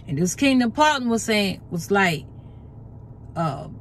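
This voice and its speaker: A woman's voice: medium pitch, very animated, unhurried, a little hiss or hum. A woman preacher delivering a prophetic word to her viewers in a fervent, repetitive way, often calling them "you guys".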